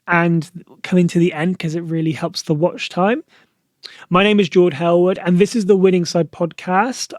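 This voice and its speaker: With a slightly high voice, this young British podcast host talks on his own straight to camera in a chatty, casual way. He voices strong opinions and leans heavily on "like" as a filler. The sound is clean and studio-grade, with no echo.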